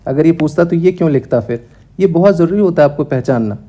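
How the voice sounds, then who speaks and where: A young male teacher walks through exam questions in a brisk, direct manner, dropping English terms into his explanations. His voice sits a little high yet sounds mellow and relaxed. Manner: brisk, talks straight to students, mixes English terms into Hindi.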